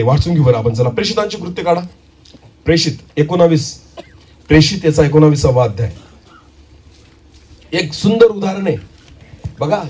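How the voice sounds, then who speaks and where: A man preaching a sermon to a congregation, firing rhetorical questions and pressing listeners to answer, shifting between shouts and quiet low phrases. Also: breathy edge, recorded from a distance. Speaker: pastor.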